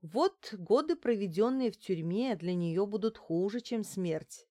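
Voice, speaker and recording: A woman reading a first-person detective novel aloud in a steady, matter-of-fact way. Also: mid-range voice, measured pace, no echo. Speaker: audiobook reader.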